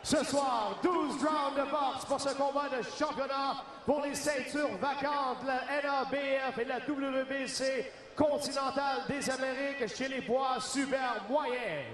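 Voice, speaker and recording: A man working as a boxing ring announcer, giving bilingual French and English introductions in a theatrical, drawn-out, projected delivery. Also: extremely high pitch, fairly even intonation. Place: large indoor boxing arena. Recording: echoing arena PA, loud crowd. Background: cheering crowd.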